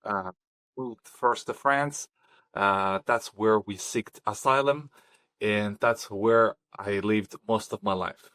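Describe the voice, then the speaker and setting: A man's voice: fairly low pitch, slow, fairly bright tone, no room sound. Hesitant man from Kazakhstan. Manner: hesitant, many ums and restarts. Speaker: podcast guest. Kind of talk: conversational interview.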